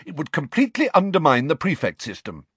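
A man's voice: fairly high pitch, wildly swooping pitch, fast, a bit bright, slightly rough, no echo, voice pushed up, exaggerated voice. A man voicing a confident, self-assured teenage schoolboy prefect with a raised, earnest voice.

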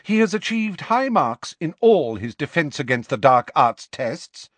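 Man voicing Professor McGonagall, stern high-pitched older woman. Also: big pitch swings, moderate pace, fairly bright tone, no echo. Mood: icy, exasperated. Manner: clipped, curt, through gritted teeth when provoked.

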